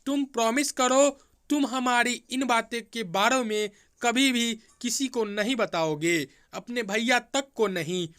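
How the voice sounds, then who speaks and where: A man's voice: extremely high pitch, measured pace, clean tone. A man voicing a young married woman, a stern and hurt sister-in-law who scolds sharply in a Hindi storybook tale. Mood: firm. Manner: sharp, scolding when angry.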